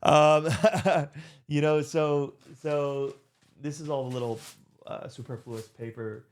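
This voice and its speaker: A man's voice: fairly high pitch, steady tone, slow. A young man, rambling through a casual vlog with lots of fillers and restarts, into a desk microphone. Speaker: vlogger.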